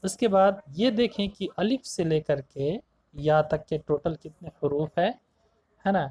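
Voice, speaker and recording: A man teaching a tajweed lesson to young children, explaining each term, repeating it slowly and sounding out single Arabic letters one by one. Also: a little high, a little mellow, no room sound, poor audio. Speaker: Quran teacher.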